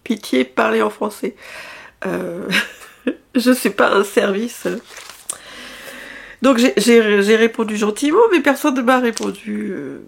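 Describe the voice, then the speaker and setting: Chatty, rambling French-speaking woman, gravelly. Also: a little high, slow, long pauses. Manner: chatty, rambling, laughs often, many restarts. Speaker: vlogger. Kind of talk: casual chat.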